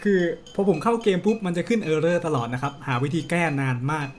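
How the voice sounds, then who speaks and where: A man's voice: animated, a little fast, darkish tone, soft background music. A man giving chatty, joking let's-play commentary while playing a dating game. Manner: chatty, joking, low-key. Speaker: game streamer.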